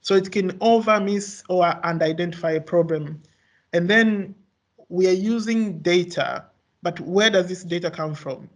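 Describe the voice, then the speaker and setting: Presenting his research, a young man who speaks Swahili as his first language keeps stopping, using fillers and starting sentences over. His voice is high-pitched.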